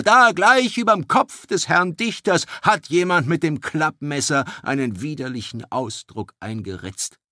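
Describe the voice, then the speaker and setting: A man's voice: mid-range voice, a bit bright, dry recording, clean studio sound, pitched above the performer's own voice. A man voicing a grey-haired old druid who preaches in a gloomy, scornful way in an audiobook. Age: older.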